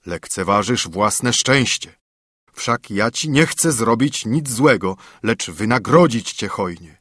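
A man voicing a booming giant bottle spirit. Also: expressive, a bit bright, husky, no echo, studio quality, heavily acted. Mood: coaxing. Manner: slow, booming and threatening. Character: huge menacing male bottle spirit, haughty. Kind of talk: storybook narration.

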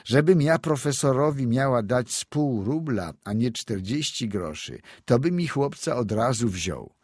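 A man's voice: medium pitch, lively intonation, a little slow, a little mellow, breathy edge, no room sound, clean studio sound, voice pushed up. A man voicing a poor, resigned widowed mother in a read-aloud story. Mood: muttering. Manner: plaintive, resigned grumbling.

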